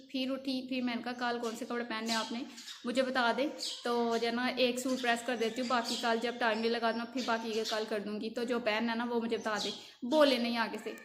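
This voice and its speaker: A woman's voice: on the high side, background noise. A young woman vlogger telling a long personal story in a casual, emotional, rambling way, often repeating herself.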